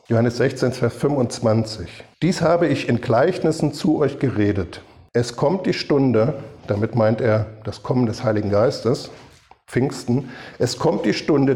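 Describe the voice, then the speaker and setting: Middle-aged male preacher, mellow and warm tone, emphatic conversational sermon delivery. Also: medium pitch. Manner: emphatic, conversational, asks the audience for agreement.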